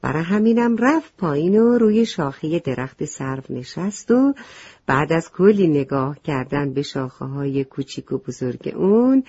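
Gentle woman telling a children's story. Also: low-pitched, lively intonation, a little hiss or hum. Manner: gentle, addresses children directly. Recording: slightly muffled lo-fi recording.

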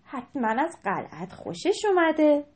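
A gentle, soft-spoken mother soothing her little girl, read by a woman. Her voice is calm and higher in pitch, with a lively lilt, as in a storybook told aloud.

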